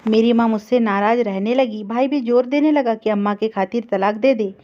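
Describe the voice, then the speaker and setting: Female storyteller, earnest steady narration, high-ish voice, lo-fi sound. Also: moderate pace. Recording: dull lo-fi recording.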